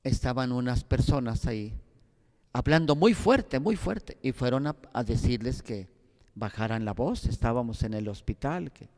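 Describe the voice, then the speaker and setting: Sacerdote mexicano de voz rasposa. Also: male voice, medium pitch, dark tone, in a large hall. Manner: earnest, exhortative, anecdotal. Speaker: priest teaching a Bible course. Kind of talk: Bible class lecture.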